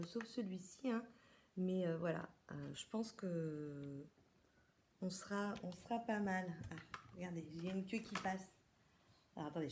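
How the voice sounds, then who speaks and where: A woman from France chats through a makeup haul for her viewers. She talks casually, pausing and restarting her sentences as she shows each product. Her pitch sits at an ordinary middle level for a woman. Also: a little mellow, slight background noise. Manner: chatty, many hesitations and restarts. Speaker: beauty vlogger.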